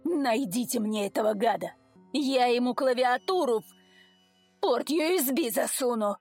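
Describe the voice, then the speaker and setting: A woman's voice: fairly high pitch, measured pace, a little mellow, slightly rough, dry recording, faint music behind. A woman voicing a big, tearful businessman and ex-convict gamer who bellows in prison slang. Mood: raging. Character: burly sobbing businessman, ex-convict gamer, man.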